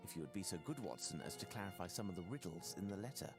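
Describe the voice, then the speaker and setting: An actor voicing Sherlock Holmes, a calm, cerebral Victorian detective who speaks in a measured, precise and formal way, heard as game dialogue. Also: male voice, low-pitched. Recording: game audio with music behind. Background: music.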